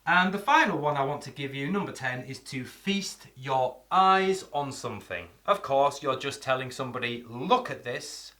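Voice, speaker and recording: Male teacher, chatty lesson delivery, bright forward tone. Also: medium pitch, animated, normal speed, few pauses. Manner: chatty, explains with spoken examples. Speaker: English teacher. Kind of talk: casual video lesson.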